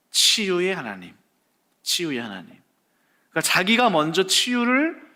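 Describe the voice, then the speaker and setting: A pastor giving a church history lecture at a service, with animated storytelling. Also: male voice, high-pitched.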